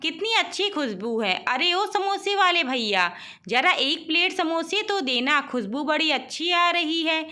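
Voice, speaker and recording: A woman's voice: very high voice, animated, a little slow, bright, forceful tone, heavily acted. A woman voicing a greedy young wife in a storybook tale, gushing over food and pleading when caught.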